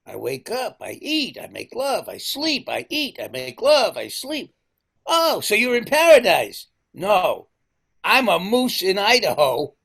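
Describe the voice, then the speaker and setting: An actor playing an elderly widower who tells wry jokes, with a husky, gravelly voice. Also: male voice, a little high, expressive, unhurried, a bit bright, exaggerated voice. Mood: joking. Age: older. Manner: wry joke-teller.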